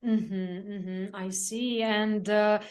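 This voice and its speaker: A woman with a Romanian accent hosts an interview, speaking at an ordinary middle pitch. She searches for words as she goes, stringing her questions together with frequent uhs and ums. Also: steady tone, darkish tone. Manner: halting, many uh fillers. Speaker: podcast co-host, interviewer.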